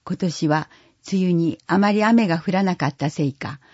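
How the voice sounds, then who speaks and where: A reader calmly working through an audio newsletter at a measured, even pace. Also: medium pitch, no room sound. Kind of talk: read-aloud audio newsletter. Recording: dull lo-fi recording, dry.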